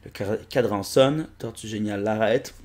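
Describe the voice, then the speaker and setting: A man with a Québécois accent reading a comic aloud with joking asides. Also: lowish voice. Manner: joking asides, slow lively delivery. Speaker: podcast reader. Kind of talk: casual comic audiobook reading.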